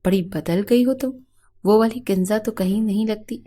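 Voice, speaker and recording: A woman voicing a cheeky, teasing young brother-in-law in her own mellow reading voice. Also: medium pitch, lightly acted.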